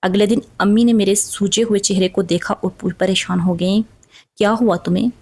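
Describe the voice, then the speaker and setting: A woman's voice: mid-range voice, steady tone, a little mellow. A woman telling an emotional first-person story in a dramatic, sorrowful way. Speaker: narrator.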